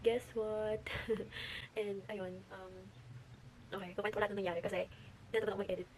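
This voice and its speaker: A woman's voice: medium pitch, moderate pace, slight background noise, poor audio. A young woman, chatting animatedly at home as she tells a story for her vlog. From Philippines. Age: late teens. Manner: chatty, animated, mixes English into Tagalog. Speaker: vlogger.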